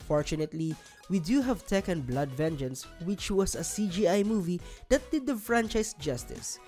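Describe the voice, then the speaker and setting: A woman with a mid-range, darkish voice narrates a scripted countdown video, delivering opinionated, sardonic and emphatic commentary. Background music plays under her voice-over.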